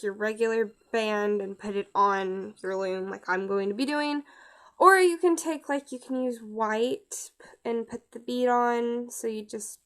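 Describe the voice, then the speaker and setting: Slow, chatty higher-voiced woman. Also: smooth. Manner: chatty and halting, with many restarts and "like". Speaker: crafting tutorial host. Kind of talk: casual step-by-step craft tutorial.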